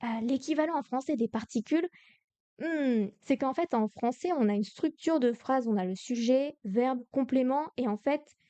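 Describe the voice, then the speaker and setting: A woman's voice: sits high, moderate pace, warm tone, no room sound. A young woman teaching Korean to beginners on a livestream, explaining each answer patiently and step by step. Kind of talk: livestream lesson.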